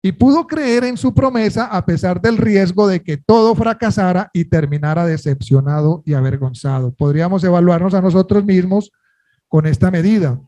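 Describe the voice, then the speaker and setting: A man preaching a sermon in an earnest way. He often asks the listeners a question and answers it himself, and he slows down on key words. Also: high voice, dark tone.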